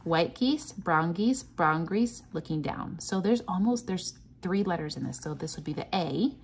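In an unhurried, expressive, lowish voice with a slight roughness, a woman teacher guides children through a picture-book read-along at an indoor table. She keeps encouraging them, asks questions, and chants patterns aloud.

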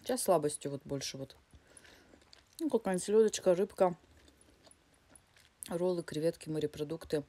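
A woman's voice: lowish voice, normal speed, long pauses, dark tone. A woman vlogger talking casually to camera while chewing her food, her speech loose and chatty. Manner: opinionated, conversational, loose with filler words. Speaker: mukbang vlogger.

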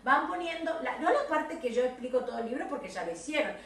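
A woman with an Argentine Spanish accent, an English teacher recording feedback for young pupils, correcting them and repeating English phrases slowly while switching between Spanish and English. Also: high-pitched, sing-song, echoey room, distant mic.

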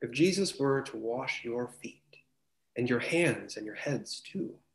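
Slow, gentle man preaching. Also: medium pitch, lively intonation. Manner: gentle, pastoral, unhurried. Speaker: pastor. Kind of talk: sermon. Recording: roomy church with faint noise.

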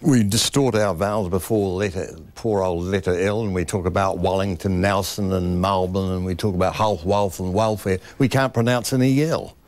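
A man's voice: sits low, steady tone, normal speed, few pauses, a little mellow, no echo. A man, working as a voice coach, explaining speech habits in an interview and demonstrating pronunciation precisely.

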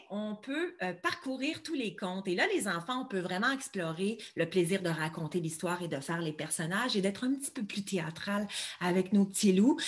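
A woman presenting an early literacy workshop, theatrical and given to character voices and whispers when she reads aloud. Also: mid-range voice.

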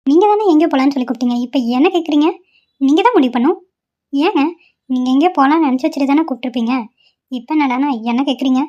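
A woman's voice: sits high, fast, mellow, dull audio, close to an everyday voice. A woman voicing a stubborn, devoted young wife in a cartoon, pleading and insistent. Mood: gentle. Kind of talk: cartoon voice acting.

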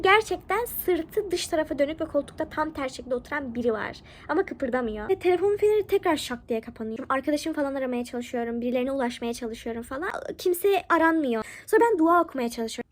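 A young woman vlogger telling a story to camera at home in a chatty, animated way, hushing her voice at the tense parts. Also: sits high. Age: young adult. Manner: animated, chatty, drops to a hush at tense moments. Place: home living room.

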